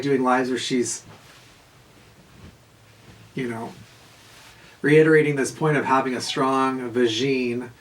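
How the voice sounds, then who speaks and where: A man, telling a casual, profane story in a rambling monologue full of fillers and quick laughs. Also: medium pitch. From Southern California. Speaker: vlogger.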